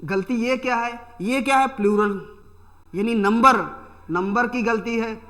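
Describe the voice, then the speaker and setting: A male teacher delivers a classroom grammar lesson in a high voice. He speaks slowly and deliberately, repeating each key phrase for his students. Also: fairly bright tone.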